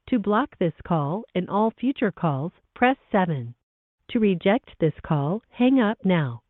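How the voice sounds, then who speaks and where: A woman's recorded automated announcement heard over a prison phone line, reading measured call prompts. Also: mid-range voice, dry recording. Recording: tinny dry phone line.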